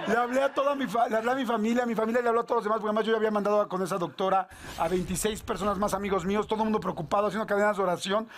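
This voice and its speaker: A man with a Mexican Spanish accent, speaking rapidly in a high voice. He tells his story with animation and slang. He acts out each voice in the dialogue. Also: fairly even intonation. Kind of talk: casual anecdote telling.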